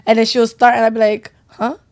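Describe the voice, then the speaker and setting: A woman's voice: a little high, little pitch movement, a little fast, darkish tone. Playful, brash woman co-hosting a podcast. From United States. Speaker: podcast co-host. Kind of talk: casual chat.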